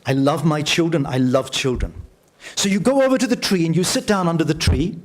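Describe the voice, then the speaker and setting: Man telling a story in a lecture. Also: lively intonation. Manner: vivid, acts out dialogue with shifting pitch; slows down and drops low for emphasis. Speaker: lecturer, radio journalist. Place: lecture hall.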